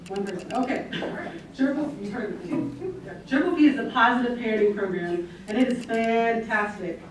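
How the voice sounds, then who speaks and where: A woman's voice: a little high, brisk, slight background noise. A woman leading a volunteer training session, upbeat and encouraging. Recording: echoey room, mic far off.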